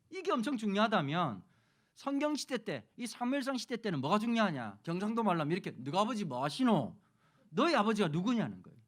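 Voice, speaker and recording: A middle-aged male pastor from Busan giving a humorous sermon lecture, joking and putting questions to the audience. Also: high-pitched. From Busan, South Korea. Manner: lively, jokey, addresses audience with questions.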